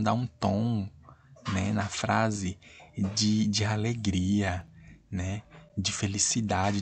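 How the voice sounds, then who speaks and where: A man's voice: on the low side, gravelly. A man with a Brazilian Portuguese accent teaching an online class. He explains things over and over and keeps checking that his students understand.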